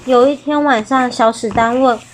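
A mother with a Taiwanese Mandarin accent reading a storybook aloud to her child, gentle and chatty, pausing to ask questions. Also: on the high side, steady tone, a little hiss or hum.

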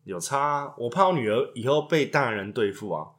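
A man's voice: mid-range voice, animated, a little fast, a bit bright. A man, co-hosting a casual chat and trading crude jokes. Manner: joking, crude banter. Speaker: podcast co-host.

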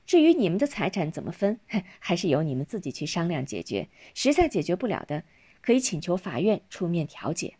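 A woman voicing a polite, calm female official explaining rules in a spoken storybook. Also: lowish voice, a little fast, breathy edge.

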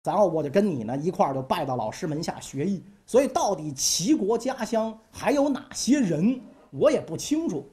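A man's voice: high-pitched, dark tone. A man playing a trusting, sentimental strategist who speaks in a plaintive, earnest way. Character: sentimental, trusting male strategist far from home.

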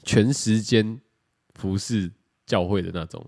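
A man's voice: on the low side, a little slow, gravelly, darkish tone. A man with a Taiwanese Mandarin accent, co-hosting a podcast and telling a story in casual chat, laughing often and swearing casually. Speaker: podcast co-host.

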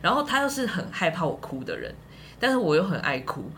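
A podcast guest with a Taiwanese Mandarin accent tells a story at a quick pace in a lowish voice, amid a little hiss or hum. Her casual conversation is packed with laughter, and she narrates animatedly, laughing often.

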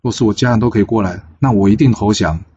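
A man's voice: on the low side, fast talker, dark tone, lo-fi sound, a little hiss or hum, natural voice. A man voicing a gullible, easily swayed young general in a storybook tale.

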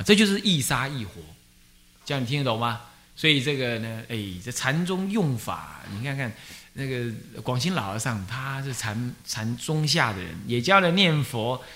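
A man's voice: medium pitch, bright, forceful tone. A middle-aged man from Taiwan, an abbot giving a Buddhist dharma talk, telling stories animatedly and acting out both sides of conversations.

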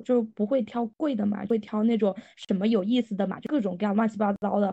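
A woman in her late twenties with a hoarse, raspy voice, co-hosting a casual podcast chat. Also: mid-range voice, mellow, muffled recording. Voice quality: raspy when laughing. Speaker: podcast co-host.

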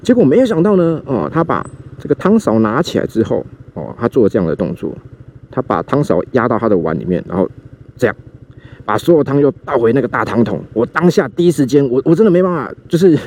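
Riding a motorbike outdoors in city traffic, a podcast host with a mellow, mid-range voice and Taiwanese Mandarin accent spins a quick, animated story, voicing the people he quotes. Faint street and vehicle sounds linger in the background.

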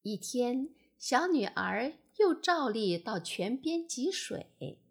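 A woman reading a children's bedtime story in a gentle, expressive way. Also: a little high, takes it slowly, gravelly, breathy edge. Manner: gentle, expressive, sing-song.

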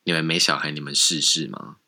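Fast-talking low-voiced man. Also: vocal fry. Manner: animated, blunt, swears freely. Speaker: podcast co-host. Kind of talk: casual gossip chat.

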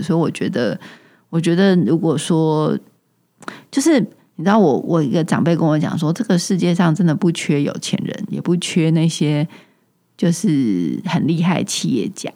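Taiwanese-accented businesswoman guest, reflective, modest, fills pauses with soft murmurs. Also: low voice. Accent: Taiwanese Mandarin. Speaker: entrepreneur guest. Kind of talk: casual interview chat.

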